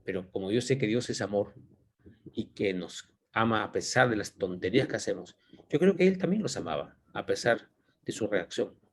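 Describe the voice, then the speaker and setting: A man's voice: lowish voice, lively intonation, normal speed, slightly rough. A man giving an informal Bible teaching, thinking aloud and asking rhetorical questions as he explains the passage.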